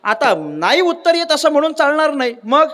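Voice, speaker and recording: A kirtan preacher from Maharashtra delivers a devotional sermon as an animated storyteller, constantly throwing rhetorical questions at the crowd. His voice is remarkably high for a man, moves at normal speed, and rings through a long hall reverb.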